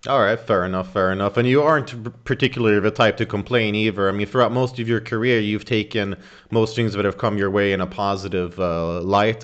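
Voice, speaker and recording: Low-voiced young interviewer on a webcam. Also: male voice. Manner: long wordy questions. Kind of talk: interview questions. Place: home room indoors. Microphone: video call webcam with earphones. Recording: dull lo-fi video call audio.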